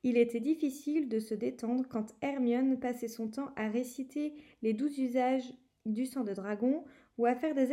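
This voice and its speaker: A woman's voice: high-pitched, warm tone. A woman reading a novel aloud, stumbling and restarting on words now and then, with small voice shifts for the characters. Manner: gives characters slightly raised voices, frequent slips and restarts. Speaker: reader.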